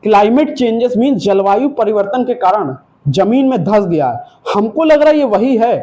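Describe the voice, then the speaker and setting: A man's voice: high voice, expressive, normal speed, dark tone. A man doing a knowing archaeologist. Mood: confiding. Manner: confiding, explanatory.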